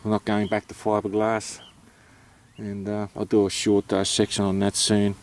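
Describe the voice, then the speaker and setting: A man's voice: on the low side, completely flat delivery, normal speed, a little mellow. A man with an Australian accent giving an informal, matter-of-fact explanation, hesitant and unscripted as he goes. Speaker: amateur radio operator presenting.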